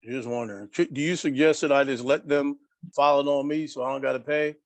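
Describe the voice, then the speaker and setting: A man's voice: mid-range voice, steady tone, brisk. A man with a mid-range voice calls in to a live video-call class. He rambles, often restarting his sentences, and sounds frustrated as he explains his situation. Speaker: caller. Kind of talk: casual call-in question.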